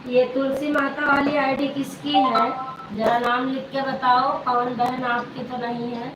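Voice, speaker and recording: A woman's voice: sits high, flat delivery, measured pace, background noise. A woman, a folk singer chatting casually with viewers on a live stream, calling them sister and reading their comments aloud.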